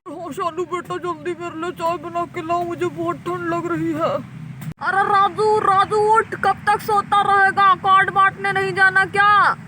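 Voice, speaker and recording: A woman voicing a middle-aged village father who keeps complaining loudly about the cold. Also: very high voice, fairly even intonation, measured pace, voice pushed up. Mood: shivering. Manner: loud complaining calls. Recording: noisy home recording.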